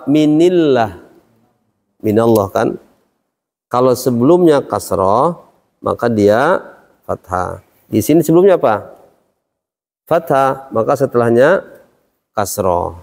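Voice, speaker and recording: Brief: male religious teacher, mid-pitched, questioning, long hall reverb. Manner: questioning, explains step by step. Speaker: Quran recitation teacher. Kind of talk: classroom lesson.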